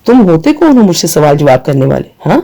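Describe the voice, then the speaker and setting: A man voicing a mocking conscience that speaks from a mirror, slow and taunting. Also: on the high side, big pitch swings, vocal fry, warm tone.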